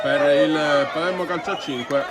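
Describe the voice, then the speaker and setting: A man giving breathless, excited play-by-play goal commentary on a futsal match, bursting into shouts. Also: on the high side, normal speed. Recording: noisy sports venue with loud crowd. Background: crowd noise.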